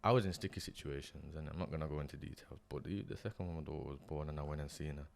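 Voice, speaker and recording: Young guy, low voice, slangy, earnest interview guest. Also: fairly even intonation, very fast, creaky. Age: young adult. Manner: slangy and earnest, many restarts. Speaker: guest, property investor. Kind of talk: casual interview chat.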